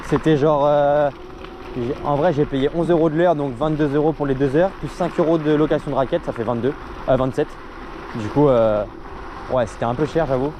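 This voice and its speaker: A man's voice: on the high side, fairly even intonation, normal speed. A young adult man chatting casually and enthusiastically, in an informal slangy way, as he vlogs from an electric scooter. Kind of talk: casual ride-along vlog chat. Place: outdoors, riding through streets and forest. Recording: noisy outdoor ride, vehicle and wind noise.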